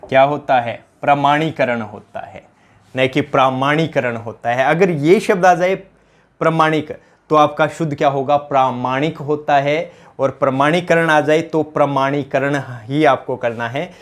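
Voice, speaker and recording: A man's voice: on the high side, measured pace. A man with a Rajasthani accent teaching an exam-prep grammar lesson, drilling each answer by asking the question again and addressing his students as companions.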